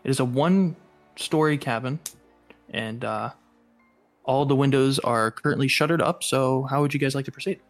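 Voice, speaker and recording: Guy running a tabletop game, mid pitch, laid back narration, faint music behind. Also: moderate pace. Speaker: game master.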